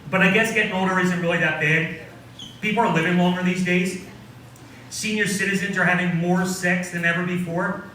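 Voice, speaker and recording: Middle-aged male comic, slightly high voice, self-mocking stand-up set, heard through a far mic in a very echoey room. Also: steady tone, brisk, bright, forceful tone, slight background noise. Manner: self-deprecating punchline delivery. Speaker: stand-up comedian. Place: coffee house stage.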